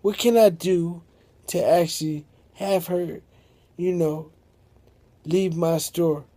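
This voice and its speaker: A man's voice: sits high, fairly even intonation, slow, warm tone. A man voicing a timid male shopkeeper who is frightened of a giant customer. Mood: pondering. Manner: nervous, wondering.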